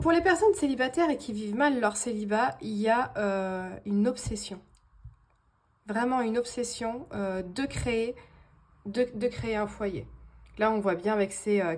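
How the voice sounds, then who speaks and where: A woman's voice: medium pitch, darkish tone. Hesitant woman reading tarot. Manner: hesitant, many fillers and restarts. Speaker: tarot card reader. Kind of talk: casual tarot reading to viewers.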